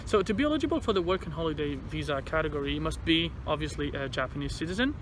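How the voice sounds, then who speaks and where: Male vlogger, fairly high voice through a face mask, halting informal explainer, recorded outdoors over clear traffic noise. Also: lively intonation. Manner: halting, repeats words. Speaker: vlogger giving visa advice. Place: outdoors in a city. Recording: noisy outdoor city traffic background.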